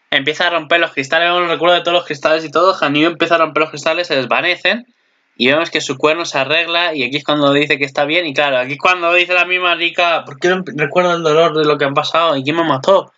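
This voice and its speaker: A young man talks through an anime episode in loose, rambling commentary, jumping into excited outbursts. His voice sits a bit high and sounds bright and forceful. The home recording is dull and lo-fi. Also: fast. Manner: excitable, rambling, jumps to loud exclamations. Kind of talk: casual video commentary.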